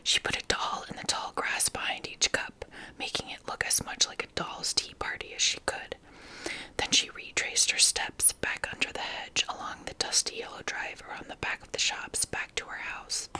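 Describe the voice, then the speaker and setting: A woman reading a story aloud as whispered ASMR, softly and unhurriedly in short phrases. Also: moderate pace. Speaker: ASMR reader.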